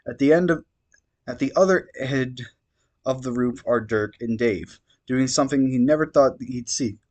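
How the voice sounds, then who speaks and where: A man's voice: mid-range voice, moderate pace, darkish tone. A man reading fan fiction aloud, stumbling over words now and then and adding wry asides. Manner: reads steadily, stumbles and adds wry asides. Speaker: reader.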